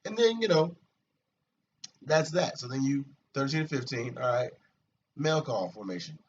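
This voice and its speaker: This man speaks at medium pitch and an ordinary pace, a soldier vlogger rambling through a long casual chat about his army routine. He vents with plenty of swearing and lots of energy, captured on a distant, muffled mic with faint hiss.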